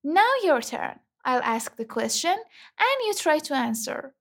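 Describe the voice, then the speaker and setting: High-voiced teacher. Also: female voice, big pitch swings, a bit bright. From Iran. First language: Persian. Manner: slow, careful model phrases for repetition. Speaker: English teacher and host. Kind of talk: scripted language lesson.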